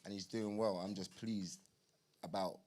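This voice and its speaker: A man's voice: low-pitched, steady tone, a little slow, darkish tone. A man speaking informally as a boxer at a press conference, playful and fond of repeating his phrases.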